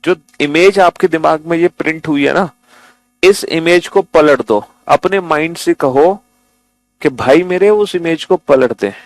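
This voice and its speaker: Male teacher, fairly high voice, dry close sound, coaxing and repetitive classroom delivery. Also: unhurried, no echo, rough recording. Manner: coaxing, repeats himself, calls students beta. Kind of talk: classroom lesson.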